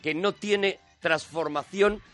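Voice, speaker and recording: Bright-voiced Spanish man explaining on radio. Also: sits high, slow, faint music behind. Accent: Spanish from Spain. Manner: explanatory, storytelling with filler hesitations. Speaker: film commentator on a comedy radio show. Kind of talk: casual radio chat.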